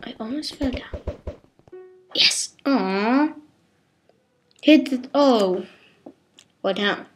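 An excitable woman talks through a video game on a headset, often exclaiming and mixing up her English phrasing. Her voice sits fairly high and her talk is slow and unhurried, with faint noise underneath. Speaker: gamer playing on a server. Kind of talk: casual gameplay commentary.

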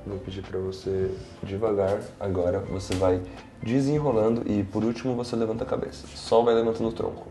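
A young Brazilian chiropractor treats a patient in a small indoor room with large windows, giving reassuring instructions, checking in often and explaining to camera. His lowish voice moves little in pitch and is brisk, recorded with roomy echo and faint music behind.

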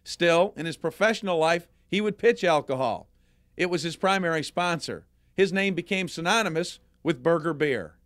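A man narrating a documentary in a measured, scripted delivery. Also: fairly high pitch, a bit bright, no echo, clean studio sound.

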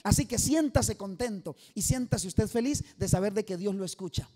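This preacher's voice sits high, with a dark tone and normal speed. Delivering an evangelistic sermon at a live church service, he speaks emphatically and quizzes the congregation for answers.

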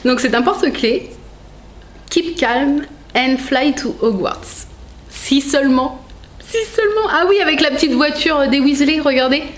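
Opening gifts at home, a woman vlogger chats casually in a slightly high voice, rambling with fillers, fixing her own words, laughing frequently and teasing in a playful way. The recording has a roomy echo plus a little hiss or hum.

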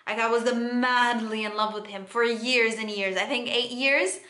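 Greek cypriot girl vlogging in her bedroom, bright highish voice, chatty, roomy echo and a little music behind. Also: moderate pace. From Cyprus. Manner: chatty, animated, laughing asides. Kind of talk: casual chat to camera. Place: bedroom, indoors. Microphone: camera in front, close framing. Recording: echoey room with faint music.

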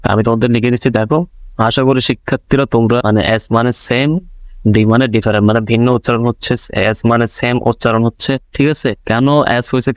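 A man's voice: mid-range voice, clear, resonant tone, dry recording. A man with a Bangladeshi Bengali accent teaching young pupils in an online video lesson, patiently asking questions and answering them himself. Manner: patient, repetitive, asks and answers his own questions.

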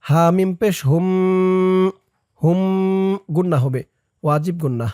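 A man teaching recitation, explaining quickly and then chanting each word slowly, letter by letter. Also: a little high, darkish tone, no room sound, clean studio sound. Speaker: Arabic pronunciation teacher. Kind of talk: recitation lesson, spelling out letters.

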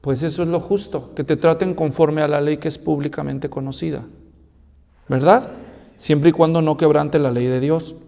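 A man's voice: on the high side, fairly even intonation, normal speed, vocal fry, mellow, in a large hall. A male pastor preaching a sermon, telling a story and asking rhetorical questions.

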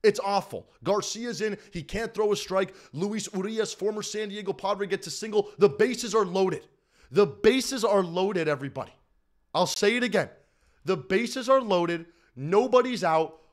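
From a small room at home, a young man in his twenties hosts a live-stream postgame recap as a sports fan streamer, with a desk mic in front of his face. His voice is high and his pace a little slow. He's hyped and repetitive, regularly calling out to the chat.

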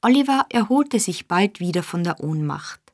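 A woman narrating a classic novel as an audiobook, in a measured, even storytelling manner, on a close studio mic. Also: fairly low pitch, no room sound. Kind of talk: scripted narration.

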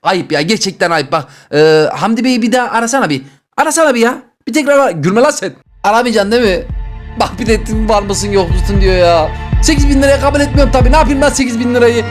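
Energetic male gamer host, high and quick, jokey, swings between loud and hushed. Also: faint music behind. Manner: excitable, jokey, rapid banter with swings in pitch. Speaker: gaming YouTuber. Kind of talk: playing a game show on camera.

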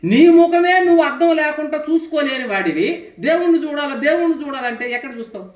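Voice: high-pitched, lively intonation, fairly quick. Spiritual teacher, questioning the listeners, folk parables, roomy ashram hall. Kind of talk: devotional discourse.

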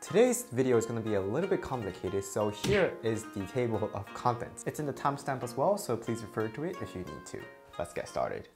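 A young Japanese karate instructor with a Japanese accent hosts a video lesson to camera from an indoor studio in front of a plain grey backdrop, recorded on a lapel mic over music. His mid-range voice is very animated and fairly quick with hardly any pauses, and he's earnest and emphatic, repeating the key points.

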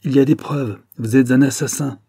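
A man reading the part of a stern, commanding gentleman who speaks imperiously in an audiobook. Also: mid-range voice, steady tone, fairly quick, breathy edge, no echo, studio quality, voice pushed up. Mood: menacing. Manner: imperious, firm.

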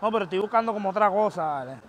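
Man with a very high voice, confrontational, repetitive, shouting, city street outdoors. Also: lively intonation, very fast. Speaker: comedian pranking a shoemaker. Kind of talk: street prank argument.

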